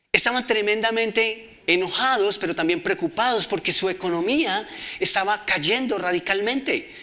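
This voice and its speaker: A male preacher delivers a sermon. His voice is bright and sits slightly high. He reads verses aloud and keeps asking the congregation questions.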